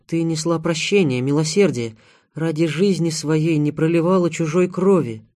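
A man's voice: on the high side, moderate pace, darkish tone, dry recording, clean studio sound, voice pushed up, natural voice. A man reading an audiobook, voicing a frightened young woman who pleads in a trembling voice. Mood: pleading.

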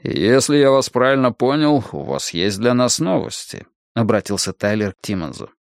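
A man reading an audiobook in an expressive, lively way. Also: medium pitch, moderate pace, clear, resonant tone, no room sound, clean studio sound. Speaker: audiobook narrator. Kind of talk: scripted narration.

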